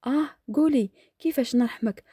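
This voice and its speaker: A woman's voice: sits high, fairly quick, mellow, breathy edge, dry recording, clean studio sound, voice pushed up. A woman voicing a cruel, menacing rural uncle who barks demands, with an Algerian accent. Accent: Algerian Arabic. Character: cruel shouting rural uncle, middle-aged man.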